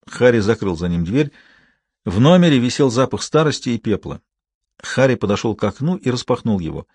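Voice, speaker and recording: A man reading a thriller audiobook in an even, measured storytelling manner. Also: lowish voice, husky, dry recording, clean studio sound. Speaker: audiobook narrator. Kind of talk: scripted thriller narration.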